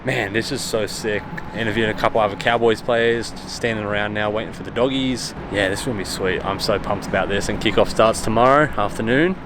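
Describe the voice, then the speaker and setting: A man's voice: on the low side, a little fast, few pauses. Slangy Kiwi man, very noisy surroundings. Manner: laid-back slangy, lots of mate, man and dude. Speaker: vlogger interviewing players and guests. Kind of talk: casual vlog chat and interview. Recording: very noisy outdoor urban ambience.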